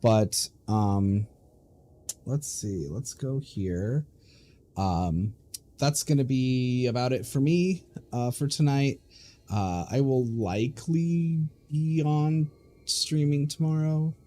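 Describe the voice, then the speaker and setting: Slow, hesitant male game streamer. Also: mid-range voice, faint music behind. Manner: relaxed, hesitant, many ums. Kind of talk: casual stream chat.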